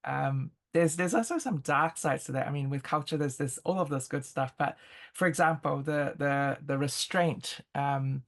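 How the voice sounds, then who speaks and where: A woman with a New Zealand accent and a low-pitched voice speaks as an interview guest. She is conversational and reflective, feeling her way through halting phrases.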